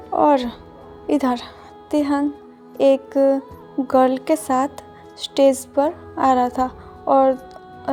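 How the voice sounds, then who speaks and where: A woman's voice: high voice, mellow. A woman casually retelling a fan-fiction love story, with many filler words.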